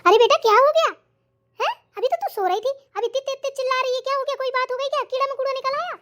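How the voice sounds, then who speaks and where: A woman's voice: very high voice, quick pace, a bit bright, voice pushed up. A woman voicing a scolding old mother-in-law. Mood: worried. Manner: scolding, taunting, uses old sayings. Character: bossy older mother-in-law, scolding and sharp-tongued. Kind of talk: cartoon voice acting.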